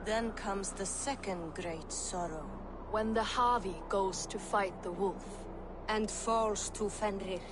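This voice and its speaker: An actress voicing an ancient, all-seeing fate spirit in a video game, solemn, cold and cryptic, as if intoning prophecy. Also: female voice, mid-range voice, slow pace, background noise, close to an everyday voice. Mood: cold, knowing. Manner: solemn, oracular, cryptic chanting delivery. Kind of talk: dramatic video game acting.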